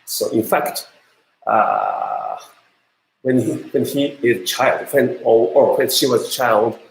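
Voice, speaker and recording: A man with a Japanese accent giving an online university lecture in English, halting and full of fillers as he searches for words. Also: medium pitch, huge pitch swings, vocal fry, echoey room, slight background noise, rough recording. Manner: hesitant, many fillers and restarts.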